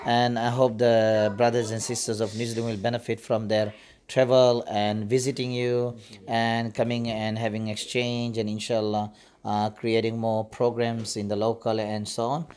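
A man's voice: fairly low pitch, flat delivery, moderate pace, darkish tone, clear, resonant tone. A middle-aged man from Australia, a visiting preacher, greeting and interviewing with Arabic blessings, holding a handheld mic indoors. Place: small mosque prayer room, indoors.

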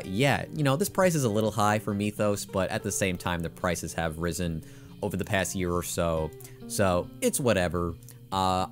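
A young man with a lowish voice gives a casual, opinionated product rundown, rambling and full of fillers. His voice is a touch hoarse, as if he is losing it. Soft guitar music plays faintly behind him. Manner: chatty, opinionated, thinking aloud with frequent fillers. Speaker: figure collecting channel host.

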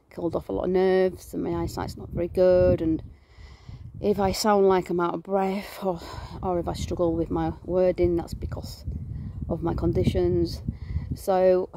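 A woman's voice: fairly low pitch, gravelly, warm tone, slight background noise. A woman vlogging from her garden, filming herself on a phone and chatting in a rambling way with lots of fillers. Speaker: vlogger and animal rescuer. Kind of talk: casual self-filmed chat.

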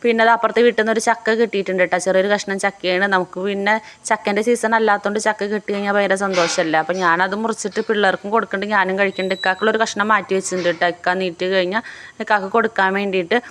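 A woman's voice: medium pitch, fairly even intonation, very fast, a bit bright, slight background noise. A young pregnant woman from Kerala, narrating her family vlog in a chatty, homely way. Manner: chatty, homely, adds tag words to sentences. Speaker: family vlogger.

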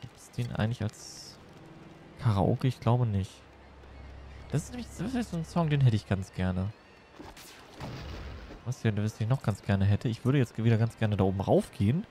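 A man's voice: fairly low pitch, big pitch swings, normal speed, pauses often, mellow. Playful man streaming over noisy game ambience. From Germany. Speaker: livestreamer. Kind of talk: casual chat while streaming a game.

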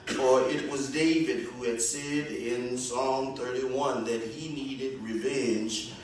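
A middle-aged man preaching a sermon from a church pulpit, building his call-and-response delivery up to shouts. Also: medium pitch, fairly even intonation, takes it slowly, slight background noise. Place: large church sanctuary, indoors, at the pulpit. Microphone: pulpit mic, recorded by a far camera. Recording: echoey church sanctuary from far off.

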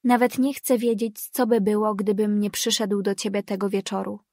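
A woman's voice: medium pitch, flat delivery, moderate pace, darkish tone, no echo, clean studio sound, natural voice. A woman reading the lines of a heartbroken, tearful middle-aged father in an audiobook, subdued and shaky. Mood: tender.

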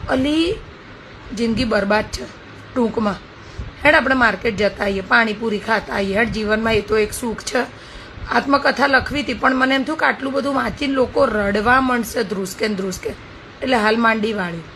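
A woman doing a wry, deadpan comic monologue as a housewife. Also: on the high side, fairly quick, slight background noise, low-quality recording. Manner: wry, deadpan self-mocking.

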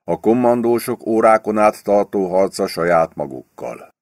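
Deep-voiced man reading an audiobook. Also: animated, no echo, clean studio sound. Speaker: audiobook reader. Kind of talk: audiobook narration.

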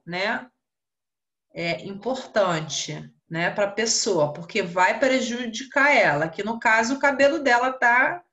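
A woman teaching English in a live online class with a Brazilian Portuguese accent, explaining exercises slowly with many fillers and tag questions. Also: mid-range voice, bright, forceful tone. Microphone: video call.

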